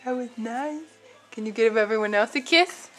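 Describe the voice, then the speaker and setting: A woman's voice: a little high, normal speed, soft background music. A woman filming a toddler at home, cheering him on in encouraging sing-song baby talk. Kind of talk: home video, talking to a small child.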